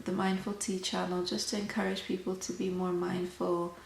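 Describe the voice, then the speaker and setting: Soft-spoken ASMR woman with creaky voice. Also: on the low side, little pitch movement, moderate pace. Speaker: host of a tea meditation channel. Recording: roomy echo, faint background noise.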